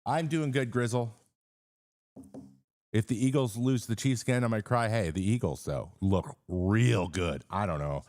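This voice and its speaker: A man's voice: fairly low pitch, normal speed, a little mellow, no room sound, studio quality. A man in his thirties hosting a casual sports live stream, rambling with fillers and restarts and greeting viewers in the chat.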